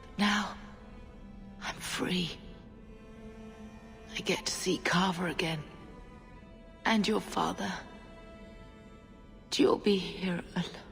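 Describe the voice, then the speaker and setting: A frail, dying mother from a fantasy game speaks extremely slowly in a creaky, lowish, breathy near-whisper. She is soothing and accepting, with long reverb around her and faint music behind. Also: fairly even intonation, exaggerated voice. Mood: tender, fading. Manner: halting, soothing. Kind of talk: dramatic video game voice acting.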